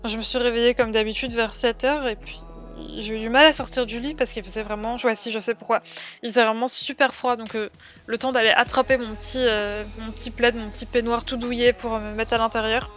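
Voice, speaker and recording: A young French woman chats casually on a livestream, answering viewers' comments and trailing off with frequent fillers. Her voice sits slightly high for a woman. Quiet music plays behind her. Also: steady tone, brisk. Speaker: streamer.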